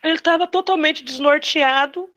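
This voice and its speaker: A middle-aged woman with a Brazilian Portuguese accent tells a painful family story to an interviewer. Her voice sits somewhat high. She stumbles, restarts phrases and slips into the voices of the people she quotes. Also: fairly bright tone. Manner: halting, restarts phrases, acts out quoted dialogue. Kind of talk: emotional personal account.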